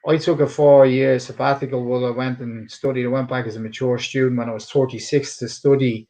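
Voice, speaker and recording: A middle-aged Dublin man with a somewhat polished Irish accent, a boxing and MMA cutman, answers interview questions earnestly and emphatically, rambling and restarting sentences. His mellow voice is medium-pitched, fairly quick, with little pitch movement.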